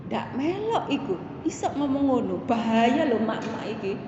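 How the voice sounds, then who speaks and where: A middle-aged woman with a Javanese accent gives a sermon to a women's study circle, telling stories in an animated way and putting questions to her listeners. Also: high-pitched, moderate pace, noisy background. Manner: animated, asks the audience questions, slips into regional phrases. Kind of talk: sermon with storytelling. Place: hall of a religious gathering. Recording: echoey hall, dull lo-fi sound.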